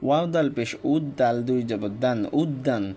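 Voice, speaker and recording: A male teacher slowly leading a Quran reading drill, naming each letter and vowel mark and then joining them into syllables with patient step-by-step explanations. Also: mid-range voice, warm tone. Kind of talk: slow, repetitive recitation drill.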